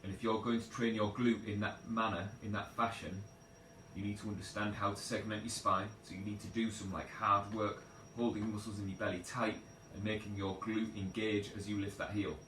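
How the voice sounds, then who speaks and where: Lounging on his sofa at home, a male personal trainer rambles through chatty advice in a laid-back live Q&A, often poking fun at himself. He speaks fairly quickly in a lowish, slightly bright voice with little pitch movement, recorded far from the mic in an echoey room with faint background noise.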